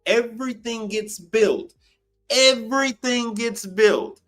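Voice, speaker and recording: Speaking unhurriedly in an extremely high, slightly bright voice, a commercial appliance technician in his fifties answers viewer questions on an unscripted livestream with soft music in the background. He is blunt and emphatic, repeats phrases, and swears freely.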